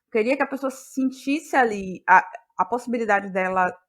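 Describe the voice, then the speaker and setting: An interviewed playwright and actress from Bahia, Brazil, considers her creative process aloud, feeling for the right words and repeating them as ideas emerge. She speaks at a moderate pace in a high-leaning, fairly bright voice.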